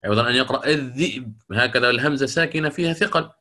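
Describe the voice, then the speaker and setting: Male recitation teacher, bright forceful tone, mid pitch, lectures and then chants verses slowly. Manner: asks the class questions and answers them himself. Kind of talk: lecture on Quran readings.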